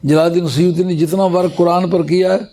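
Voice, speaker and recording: A man giving a scholarly religious talk to a gathering, explaining points patiently and reciting Arabic phrases slowly. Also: sits high, little pitch movement, dark tone.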